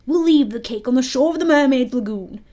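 A woman's voice: sits high, animated. Woman playing Captain Hook, brooding and menacing. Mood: scheming. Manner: theatrical, dark, emphatic, drawn-out delivery. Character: brooding, menacing pirate captain, a vain villain.

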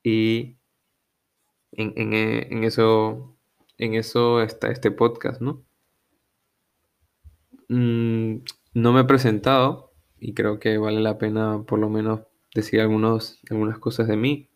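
A young man hosting his own podcast speaks in a low, gravelly voice that stays level and even. He takes his time, pausing and restarting often as he searches for the right word. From Venezuela. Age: young adult. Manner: slow, hesitant, searching for words with frequent restarts. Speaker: podcast host. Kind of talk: solo reflective monologue.

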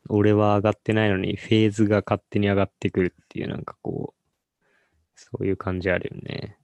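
Deep, gravelly-voiced man, laid-back. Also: level tone, fast talker, darkish tone, no room sound. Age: 30s. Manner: laid-back, brief agreeing replies. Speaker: podcast co-host. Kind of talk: casual chat. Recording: faint guitar music underneath.

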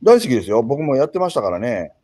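A man's voice: mid-range voice, quick pace, dry recording. A man in his fifties from Osaka with a Kansai accent, a guest in a walking interview who nods along constantly. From Osaka, Japan. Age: 50s. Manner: relaxed, lots of backchannel nods. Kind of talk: conversational interview. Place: outdoors, walking.

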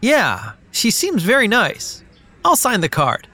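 A woman's voice: fairly high pitch, huge pitch swings, takes it slowly, bright, forceful tone, soft background music, exaggerated voice. A woman voicing a friendly young male coworker in a scripted lesson dialogue, easygoing and agreeable.

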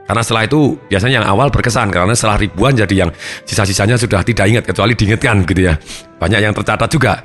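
A man teaching a seminar audience as a habit-change therapist, lively and acting out little scenes and sounds as he explains. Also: fairly low pitch, rapid-fire, faint music behind.

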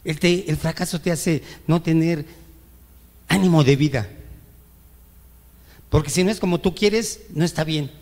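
A man's voice: a little high, unhurried, long pauses, darkish tone. A male pastor preaching a sermon, firing rhetorical questions at the congregation and acting out whiny complaints to God. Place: church. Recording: reverberant church hall.

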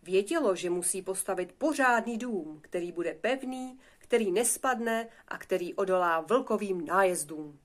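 A woman reading a children's fairy tale aloud in a lively, expressive way. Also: medium pitch, few pauses. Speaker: storyteller. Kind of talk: storybook reading.

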